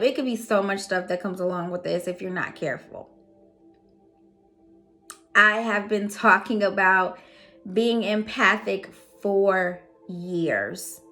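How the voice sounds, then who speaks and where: A woman who does psychic readings and hosts for an audience gives a casual motivational talk, speaking earnestly and repeating phrases for emphasis. Her voice is medium-pitched and a bit bright.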